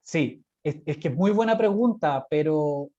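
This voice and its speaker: The voice is mid-range, warm and unhurried, with lively intonation. It belongs to a Chilean-accented guest lecturer presenting slides casually over a video call, speaking hesitantly and often checking for agreement with tag questions, all in muffled lo-fi audio.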